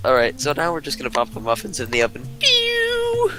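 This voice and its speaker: A man's voice: medium pitch, rapid-fire, music in the background, lightly acted. Goofy TV cooking host, as a man puts him on. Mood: mock cheerful. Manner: zapping food into being with "pew" sounds. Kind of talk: mock cooking show parody.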